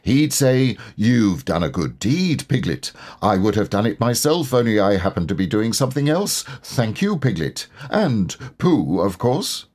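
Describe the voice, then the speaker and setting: A man's voice: lowish voice, big pitch swings, a little slow, few pauses, darkish tone. A man voicing a bossy, self-important rabbit in a storybook, explaining things in a pompous and earnest manner. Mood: self-assured.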